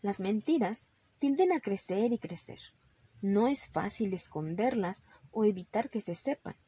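A woman narrating a children's storybook calmly, ending on a moral. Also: mid-range voice, a little slow, breathy edge.

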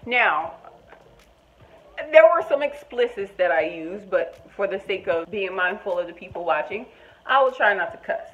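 A woman telling a personal story in a casual vlog, acting out both sides of the conversation with lively voices. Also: medium pitch, moderate pace, phone-quality sound. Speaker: storytime vlogger.

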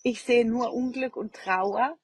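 A woman's voice: fairly high pitch, slow pace, slightly rough. A woman manifestation coach giving a motivational talk, repetitive and insistent, mixing English buzzwords into her speech.

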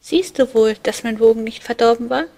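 A woman voicing a mischievous little boy, the love god Amor with his bow, in a high, loud, teasing voice for a read-aloud fairy tale. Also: fairly quick, vocal fry. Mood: cheeky. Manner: boastful, teasing.

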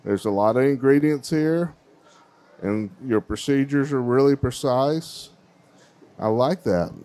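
This middle-aged man has a dark, medium-pitched voice and a measured pace as he hosts a children's baking contest. Using a handheld mic in a large fair hall, he chats with the young contestants and encourages them.

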